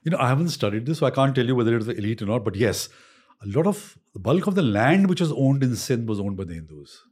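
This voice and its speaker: Husky older North Indian man explaining. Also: mid-range voice, big pitch swings, fast, a little mellow. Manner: emphatic, repeats points, switches into Hindi phrases. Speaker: interview guest, author on history. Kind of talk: conversational explanation with anecdotes.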